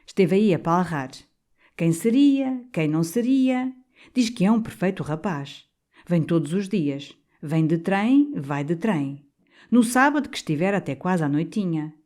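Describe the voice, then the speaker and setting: A woman voicing a slow, gossipy elderly countrywoman with a small drawling voice and a Minho accent, in an audiobook. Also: lowish voice, expressive, darkish tone. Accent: Minho, northern Portugal.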